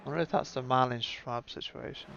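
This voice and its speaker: A fast-talking man with a medium-pitched, gravelly, fairly bright voice hosts a live sim racing stream, giving casual commentary and thinking aloud. The audio is muffled and lo-fi with background noise.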